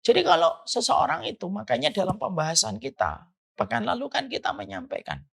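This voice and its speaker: A man's voice: high-pitched, brisk, creaky, husky. A man giving a religious lecture as a preacher, asking rhetorical questions as he goes. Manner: animated, rising and falling delivery with rhetorical questions.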